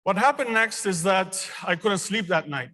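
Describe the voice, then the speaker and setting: Earnest professor from Turkey, fifties, man with a fairly high voice, speaking at a commencement in a big theater. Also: expressive, sharp tone. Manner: earnest, personal storytelling with pauses. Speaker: engineering professor giving a commencement speech. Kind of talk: commencement speech. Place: large theater. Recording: long reverb of a large hall.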